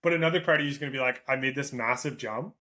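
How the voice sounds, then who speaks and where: A middle-aged Canadian running coach with a Canadian accent talks at a racing pace in a mid-range voice during a casual coaching call with an athlete. He's animated, often adds "right?" to his points, and acts out runners' thoughts in quoted asides.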